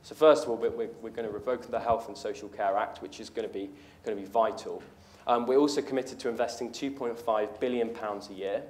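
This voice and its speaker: In a university lecture hall, a young political candidate earnestly answers questions from the audience, often saying um and starting over. He has a fairly low, slightly mellow voice with a steady tone and a fairly quick pace. The sound comes from a room mic at a lectern, filmed by a distant camera.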